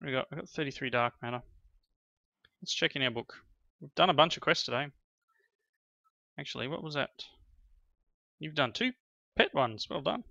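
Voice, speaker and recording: Gravelly, bright-toned father narrating gameplay. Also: medium pitch, expressive, moderate pace, long pauses, no room sound. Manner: chatty, praises and encourages his kids. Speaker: gaming channel host playing with his children. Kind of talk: casual gameplay commentary. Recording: slightly dull lo-fi sound.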